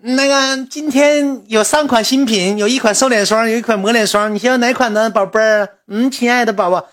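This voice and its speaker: A man's voice: fairly quick, a bit bright. A man putting on the voice of a young female assistant, first sulky and scolding, then sweet and singsong as she pushes sales. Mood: sugary. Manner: mocking falsetto, singsong sweet sales talk.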